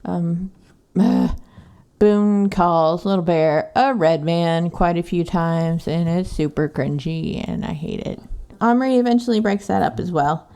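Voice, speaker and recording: A woman from Texas, chatting through a book recap in a casual podcast. Her voice is mellow and dark, and she swears freely and sarcastically. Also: on the low side, unhurried, clean tone. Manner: profane, sarcastic. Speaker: podcast co-host.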